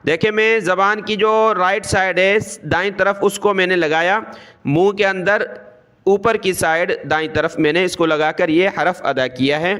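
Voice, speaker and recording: A man teaching Quran letter pronunciation step by step in Urdu, explaining mouth positions and slowly drawing out each letter. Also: sits high, steady tone, fairly bright tone, clear, resonant tone.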